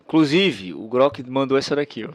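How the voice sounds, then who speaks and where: A man's voice: mid-range voice, expressive, moderate pace, dry recording. A man giving slangy, sarcastic react commentary on a debate video.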